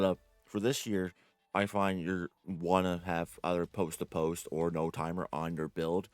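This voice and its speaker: A man's voice: low-pitched, no room sound. A man giving a casual, rambling game tutorial from home, often correcting himself and filling gaps with "like" and "uh". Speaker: gaming guide creator. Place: home room.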